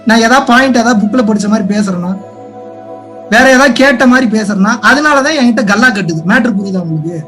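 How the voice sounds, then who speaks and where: High-voiced man pleading in a spiritual talk. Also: lively intonation, fast talker, faint music behind. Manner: pleading, rhetorical questions, swings between loud urging and quiet asides. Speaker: spiritual teacher. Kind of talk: impassioned spiritual talk to viewers.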